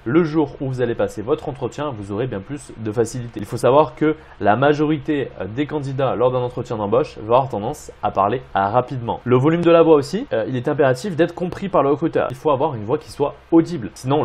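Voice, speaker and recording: A man's voice: medium pitch, fast, hardly any pauses, darkish tone, husky. A man coaching job seekers, explaining tips with frequent fillers. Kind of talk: instructional video talk.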